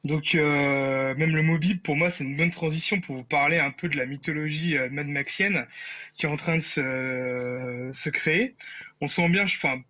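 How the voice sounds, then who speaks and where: A man's voice: a little high, normal speed, sharp tone, lo-fi sound. A man co-hosting a podcast, giving film news in a casual, chatty way with many hesitations. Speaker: podcast co-host.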